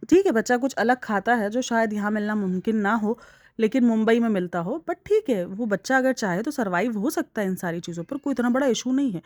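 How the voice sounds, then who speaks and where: A woman's voice: on the high side, brisk, dry recording. A young woman talking casually and with strong opinions as she comments on online vlogs. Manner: opinionated, chatty, animated. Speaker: vlog commentator.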